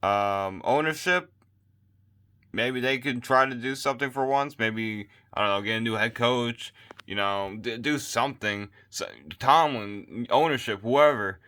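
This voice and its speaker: Late at night, a tired man vlogs his sports opinions into a phone mic, losing his voice as he rambles and repeats himself in a casual rant. He has a medium-pitched voice with a sharp, clear, resonant tone and speaks unhurriedly.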